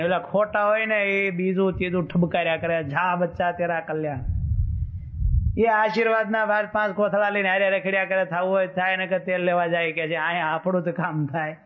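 A man, a monk giving a sermon in a colloquial, teasing storytelling manner, on a tinny phone-like recording. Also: sits high. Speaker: monk preacher.

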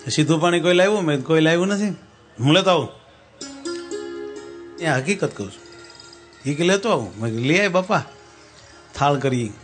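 A man's voice: fairly high pitch, expressive, fast talker, pauses often, soft background music. A man giving a devotional sermon, telling folksy stories and acting out the dialogue. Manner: folksy storyteller, acts out dialogue. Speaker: Swaminarayan sadhu preacher. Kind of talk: katha sermon with sung verses and anecdotes.

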